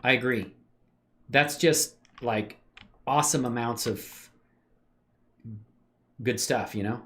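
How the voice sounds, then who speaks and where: Taking it slowly in a mid-range, slightly bright voice, a man chats casually with livestream viewers while showing 3D animation work. He's relaxed, slangy and appreciative, voicing his thoughts as he works.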